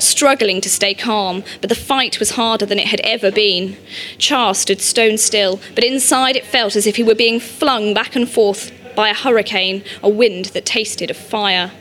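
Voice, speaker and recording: A medium-pitched woman reads an audiobook, narrating in a measured, steady storytelling manner.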